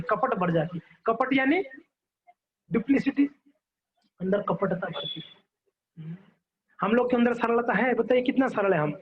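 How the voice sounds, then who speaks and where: A man's voice: high voice, highs cut off. A man giving a devotional sermon, telling stories animatedly and acting out the characters while asking his audience questions. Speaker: preacher.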